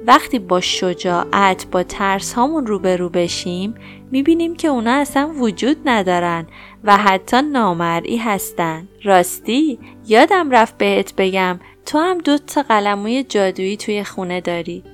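A woman voicing a kind, cheerful female dentist in a children's bedtime story, talking gently and reassuringly. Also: mid-range voice, lively intonation, faint music behind, natural voice. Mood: gentle.

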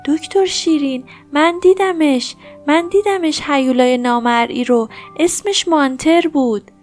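A woman voicing a curious, timid little girl in a children's bedtime story, talking in a high, wondering, excited way. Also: soft background music, natural voice.

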